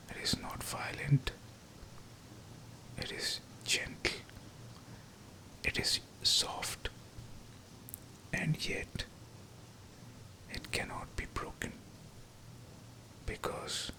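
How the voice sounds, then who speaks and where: A man whispering a scripted pep talk of affirmations, in short, deliberate phrases. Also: low-quality recording. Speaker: guided affirmation narrator.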